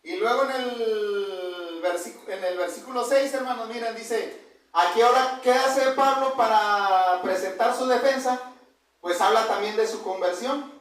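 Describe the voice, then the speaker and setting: A man's voice: high voice, unhurried, fairly bright tone. A man preaching a Bible lesson, asking his listeners questions and having them fill in the words. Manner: addresses listeners as brothers and by name. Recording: very echoey room, voice from far off.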